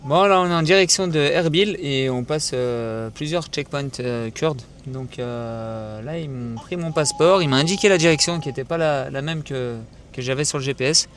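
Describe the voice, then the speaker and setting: A man talks straight to his viewers in a casual travel vlog, chatty and often stopping on fillers. His voice sits a little high. Clear street and traffic noise runs behind him, picked up by a handheld camera outdoors. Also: moderate pace, hardly any pauses, fairly bright tone. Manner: chatty, addresses viewers as "les gars"; hesitant, many "euh" fillers. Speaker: travel vlogger. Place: outdoors in a city and in a vehicle. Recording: noisy outdoor vlog audio.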